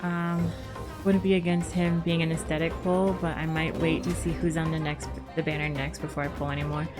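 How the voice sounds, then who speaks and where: A woman with a low-pitched voice chats casually while livestreaming a game, rambling and musing aloud in a level tone at a slightly fast pace. Game music plays in the background.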